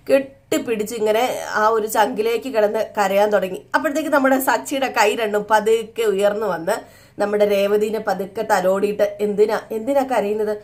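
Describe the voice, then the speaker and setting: A woman casually retelling a TV serial episode, chatting to her listeners. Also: medium pitch. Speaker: serial recap storyteller. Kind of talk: casual storytelling recap.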